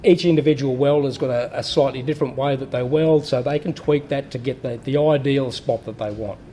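A man talks a little fast in a mellow, medium-pitched voice while explaining a welding machine step by step in a workshop. His delivery is plain, with fillers and restarts, and the audio has a little hiss or hum.

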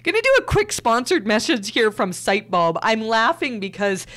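A woman's voice: fairly high pitch, very animated, moderate pace, a bit bright. A woman hosting a solo podcast, talking casually with frequent fillers and restarts. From Canada. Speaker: podcast host.

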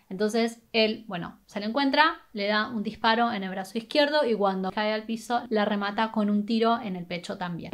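A young Argentine woman tells a true crime story at a brisk, casual pace while doing her makeup in a small bedroom. Her voice sits a little high, and she talks straight into a camera at desk distance. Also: a bit bright. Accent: Argentine Spanish. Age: young adult. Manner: conversational, brisk, with filler "eh" and "¿no?". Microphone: webcam or camera at desk distance.

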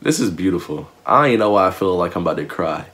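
A young man with a notably deep, low-pitched voice hosts a music reaction. He talks loosely and emotionally in casual slang, often turning to his viewers directly. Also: lively intonation, very fast, a bit bright.

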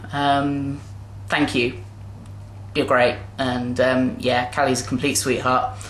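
Young woman, low voice, gentle, hesitant, lots of fillers, webcam vlog, roomy bedroom echo. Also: a little hiss or hum. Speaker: vlogger. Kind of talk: casual video response. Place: small bedroom indoors. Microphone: webcam at desk distance.

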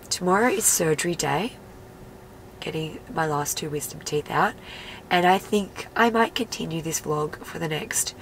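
A woman in her thirties talks straight to the camera from the seat of her car, her voice nasal and stuffed up from a lingering cold. She sits a little low in pitch, with a gravelly edge, and a faint hiss of noise lies under her. She is loose and candid, leaning on "like" as she thinks aloud. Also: low-quality recording. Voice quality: nasal, congested voice. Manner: chatty, candid, many "like" fillers. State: sick with a cold. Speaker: vlogger and mum. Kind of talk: casual car chat to camera. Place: inside a parked car.

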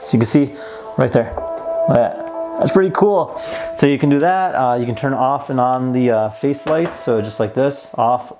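A man in his twenties who hosts a toy review channel gives a casual hands-on product demo at a table in a plain indoor room, sounding easygoing and mildly enthusiastic. He speaks at normal speed in a medium-pitched voice, with music playing in the background.

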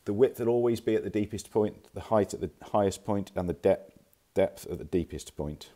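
On a handheld phone clip, a furniture dealer walks casually through his warehouse pointing out furniture. He talks fairly quickly in a dark voice on the low side, keeping it chatty and informal and sometimes correcting himself.

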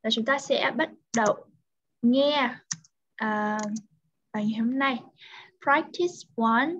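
A woman's voice: a little high, steady tone, slow pace, dull audio. A woman with a Vietnamese accent tutoring English, patiently explaining words. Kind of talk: online English lesson.

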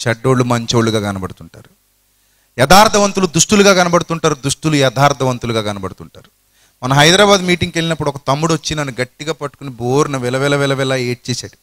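Animated bright-voiced male preacher. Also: on the high side. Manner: animated storytelling, rhetorical questions. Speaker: pastor. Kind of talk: sermon.

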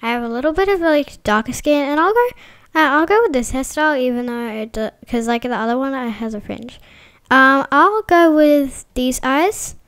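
A woman giving casual, chatty gameplay commentary as a vlogger, excitable and full of fillers. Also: high-pitched, normal speed, smooth. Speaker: gaming vlogger.

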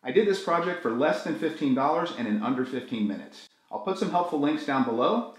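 A middle-aged man hosting a gear tutorial, walking through each step in a friendly, clear way. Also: on the high side, expressive, fairly quick, slight background noise. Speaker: video tutorial host. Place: small room indoors, echoey. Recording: very echoey room.

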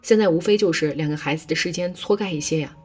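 A woman reading as a pushy selfish mother-in-law, slightly breathy, flat read. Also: on the low side, fast talker, soft background music. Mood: scheming. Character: stern older mother-in-law, self-serving and blunt.

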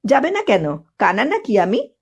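A woman voicing a sharp-tongued, playful village wife who teases and scolds in quick retorts. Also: a little high, wildly swooping pitch, creaky, breathy edge, highs cut off, exaggerated voice. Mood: teasing.

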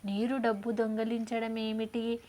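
A man's voice: very high voice, flat delivery, a little slow, a little mellow. A woman reading the lines of a dismissive village landlord who scolds his wife in a storybook tale. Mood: scornful.

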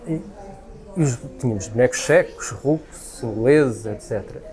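Guesting in a casual interview at a busy café, a man in his forties with a European Portuguese accent thinks aloud and often restarts his sentences. His voice is medium-pitched and darkish at a normal speed. Café crowd chatter runs behind him.

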